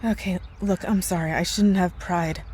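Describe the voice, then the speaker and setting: Her voice is fairly low, steady, and darkish, at a moderate pace and close to an everyday voice. She portrays an earnest, hesitant, worried married female coworker who speaks with care in an ASMR roleplay audio drama. Slight background noise is present.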